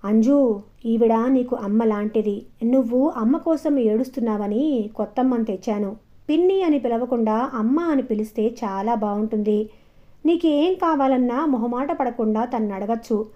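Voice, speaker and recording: A woman's voice: on the high side, moderate pace, natural voice. A woman storyteller voicing a middle-aged widowed father who talks earnestly and a little sheepishly, in a dull, lo-fi recording. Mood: coaxing.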